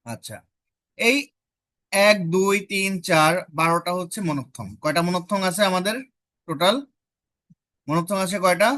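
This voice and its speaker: A woman teaches an online phonetics class, posing questions to students and slowly repeating vowel sounds to model them. Her voice is fairly low and a bit bright.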